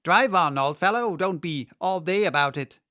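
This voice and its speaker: A cheeky, bossy griffin from a storybook, performed by a man. The voice is pushed high and loud, tossing off ungrammatical remarks in a casual, dismissive way. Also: animated, moderate pace. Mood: scolding. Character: brash, dismissive griffin with folksy bad grammar. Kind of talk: character voice in storybook reading.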